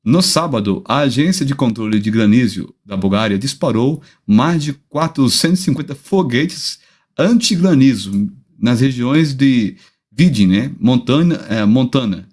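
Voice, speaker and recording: A man's voice: mid-range voice, animated, unhurried, darkish tone, slightly rough. Brazilian man, slightly slurred from dental surgery. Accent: Brazilian Portuguese. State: slightly slurred, slowed speech after a tooth extraction. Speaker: pastor co-hosting a talk show, reading news reports. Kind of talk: reading news aloud with casual asides to viewers.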